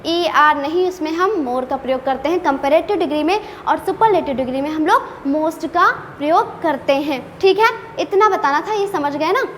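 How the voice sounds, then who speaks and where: A woman's voice: high-pitched, moderate pace, hardly any pauses, fairly bright tone. A woman teaching an English grammar lesson, often asking her students rhetorical questions. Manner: playfully scolding. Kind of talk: classroom-style grammar lesson. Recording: long reverb with faint background noise.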